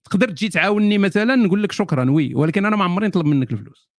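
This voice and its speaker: A rapid-fire Moroccan man answers viewer questions in a loose, joking live Q&A, often breaking into laughter. His voice sits a touch high and sounds close and dry, with no room echo. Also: lively intonation. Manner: jokey, laughs often, sardonic asides. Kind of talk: casual live Q&A.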